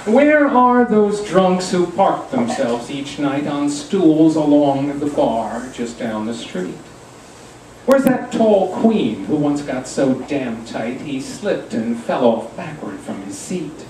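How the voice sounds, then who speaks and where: At a live poetry reading in a pub's reading room, a male poet with a slightly high voice delivers verse slowly, animated and theatrical, with wry asides. The distant mic catches a very echoey room and faint noise.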